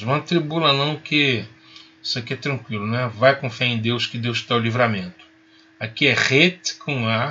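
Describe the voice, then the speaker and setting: A man teaching a Hebrew lesson, patient and reassuring, spelling out each sound slowly. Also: medium pitch, bright, forceful tone, slightly rough, lo-fi sound. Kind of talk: recorded online lesson.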